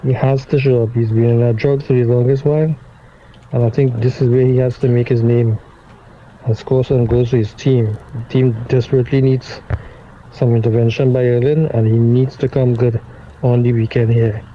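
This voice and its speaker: A man calling in with a voice note that is played back over a speaker; he talks in a measured, hesitant way with many restarts. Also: medium pitch, little pitch movement, dark tone. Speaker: caller sending a voice note. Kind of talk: voice message. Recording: dull lo-fi playback with faint noise.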